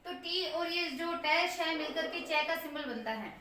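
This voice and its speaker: High bright woman teacher in echoey room. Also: recorded from a distance, slight background noise. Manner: repeats words slowly for drill. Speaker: English teacher. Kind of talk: Hindi-language pronunciation lesson.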